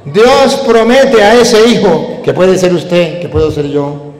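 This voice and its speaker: A priest giving a wedding-mass sermon, emphatic and full of rhetorical questions. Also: male voice, high-pitched, slow pace, darkish tone. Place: church during a wedding mass. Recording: echoey church hall.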